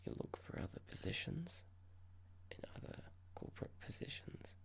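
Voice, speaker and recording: In an ASMR roleplay, a performer voices a horrible, condescending young corporate boss, lightly acted. The whisper is breathy and gravelly with clicks, and the delivery is measured, pompous and formal, with a cold, dismissive mood.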